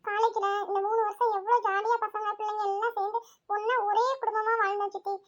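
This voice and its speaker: A woman voicing a frank, defensive young college student who talks rapidly and insistently in an audio story. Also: very high-pitched, little pitch movement, lo-fi sound. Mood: pleading.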